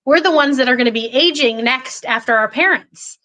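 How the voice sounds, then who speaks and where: Forties woman, high bright voice, fired up on a podcast chat, lots of restarts. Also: brisk, low-quality recording. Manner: passionate, emphatic, with frequent restarts. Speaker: political candidate. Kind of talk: podcast conversation.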